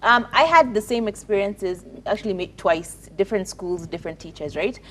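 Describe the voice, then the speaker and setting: A woman's voice: mid-range voice, normal speed, fairly bright tone, a little hiss or hum. A woman with a Kenyan accent giving personal commentary as a talk show panelist, earnest and emphatic, repeating words and phrases to press her point.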